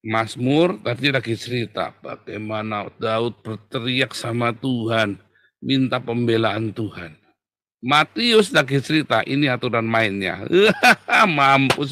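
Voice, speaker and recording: A man preaching a sermon in casual everyday speech. He swings between loud exhortation and soft hushed asides, and laughs at his own jokes. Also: medium pitch, dry recording. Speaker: pastor.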